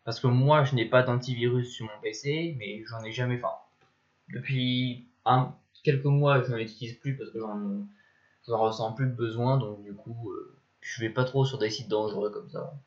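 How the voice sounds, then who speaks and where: A young man narrates his screen as he works, rambling and thinking aloud and grumbling at the programs under his breath. His voice sits at an ordinary middle pitch. The lo-fi mic gives it a dull, muffled sound, with mouse clicks behind. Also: fairly even intonation, moderate pace. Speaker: tutorial maker. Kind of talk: casual screen-recorded tutorial.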